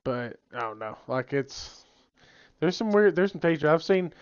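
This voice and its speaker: A man's voice: on the high side, big pitch swings, normal speed, smooth. Young man chatting with a drawl. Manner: rambling, restarts sentences, shouts when quoting people. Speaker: podcast co-host. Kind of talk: casual chat. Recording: muffled lo-fi podcast audio.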